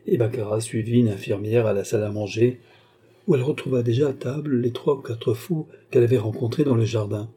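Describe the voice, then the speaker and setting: A man narrating a classic French novel in a measured storytelling manner. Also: medium pitch, steady tone, warm tone, husky. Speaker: audiobook reader. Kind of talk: scripted narration.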